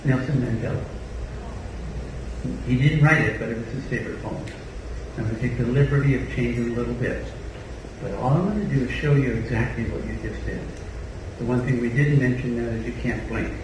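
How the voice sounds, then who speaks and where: A man's voice: mid-range voice, brisk. An Australian man, a body language trainer, leading a live seminar demonstration and drilling the audience with countdowns. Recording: echoey hall, mic far off, noisy.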